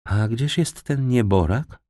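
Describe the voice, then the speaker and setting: A man voicing a tender, anxious young noblewoman in an audiobook, soft and pleading. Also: medium pitch, animated, slow, no echo, clean studio sound, pitched above the performer's own voice.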